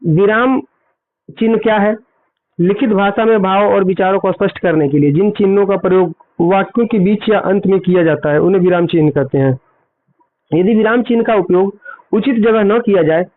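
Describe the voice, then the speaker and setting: A man's voice: high-pitched, moderate pace. A man teaching an exam-prep grammar lesson, explaining step by step and asking questions he then answers himself. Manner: explanatory, repeats points and asks then answers quiz questions. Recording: tinny phone-like audio.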